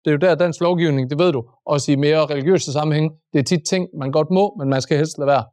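A man co-hosting a podcast in casual chat, wry and animated, tossing in jokey asides. His voice sits a little high and sounds dry and close, with no room around it. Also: dry recording. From Jutland. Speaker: podcast co-host.

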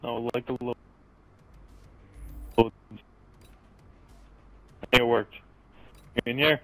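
A young man chatting over a headset while gaming, excitable and swearing, yelling when things go wrong. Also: medium pitch, slow, dry recording, low-quality recording. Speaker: gamer in party chat. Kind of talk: casual chat while gaming.

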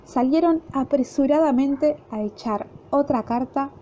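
A woman teacher with an Argentine accent reading a traditional fairy tale aloud, lively and expressive. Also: high voice, measured pace. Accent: Argentine Spanish. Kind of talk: storybook read-aloud. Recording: dull lo-fi recording, faint noise.

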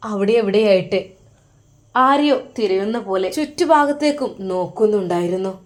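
Lively Malappuram woman storyteller. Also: mid-range voice. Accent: Malappuram Malayalam. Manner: lively, dramatic storytelling delivery. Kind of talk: storytelling narration.

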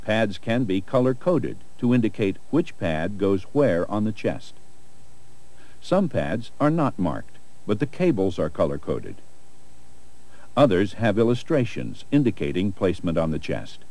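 A man's voice: on the low side, very animated, measured pace, darkish tone. A man reading scripted narration for a training video in an instructional style.

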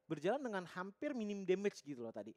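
A man's voice: sits high, very animated, quick pace, noisy background. A man giving wordy, explanatory esports analysis as a game commentator.

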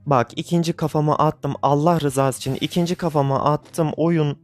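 A man's voice: on the high side, steady tone, fairly quick, soft background music. A young man giving frustrated live commentary on his own gameplay, grumbling and venting at the game. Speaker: gaming YouTuber.

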